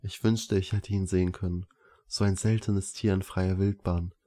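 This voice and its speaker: Audiobook: male reader doing young woman, bird-mad vet student, soft and dreamy, on a mellow base voice. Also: sits low, flat delivery, normal speed, lightly acted. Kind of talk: audiobook story reading.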